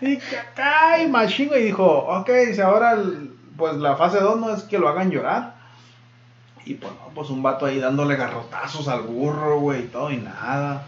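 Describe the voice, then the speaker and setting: A man's voice: on the high side, expressive, normal speed, slight background noise. A man with a Mexican Spanish accent casually telling crude jokes full of slang. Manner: crude slangy storytelling, bursts of loud laughter. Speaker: podcast co-host telling jokes. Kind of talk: casual joke-telling chat. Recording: roomy, dull lo-fi sound.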